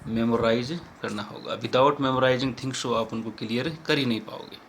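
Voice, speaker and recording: A male teacher giving a lecture on English teaching methods, explaining in Hindi and reading English example sentences slowly. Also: mid-range voice, slight background noise.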